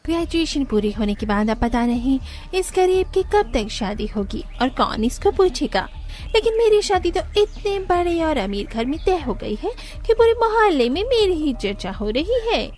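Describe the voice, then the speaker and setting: A woman's voice: sits high, big pitch swings, normal speed, darkish tone. A woman voicing a haughty, boastful rich young bride in a cartoon, talking in a mocking way. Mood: taunting. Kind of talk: cartoon voice acting.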